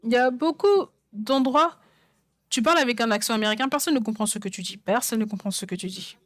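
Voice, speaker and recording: A woman's voice: fairly high pitch, a little fast, no room sound, clean studio sound. A woman preaching a sermon, emphatic and repeating phrases for stress. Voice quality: songwriter speaking of her own songs.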